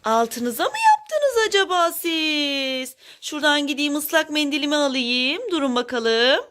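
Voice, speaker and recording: A woman's voice: sits high, expressive, unhurried, fairly bright tone. A woman narrating a toy play video, talking to baby dolls in a fussing, motherly, sing-song way.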